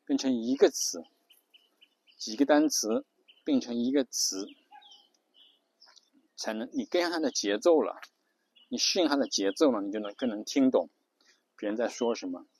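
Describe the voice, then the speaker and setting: A man's voice: mid-range voice, lively intonation, moderate pace, long pauses, darkish tone, husky. A man hosting an English-learning show, explaining in a casual spoken lesson and counting off his points one by one. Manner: taps out rhythms with spoken syllables.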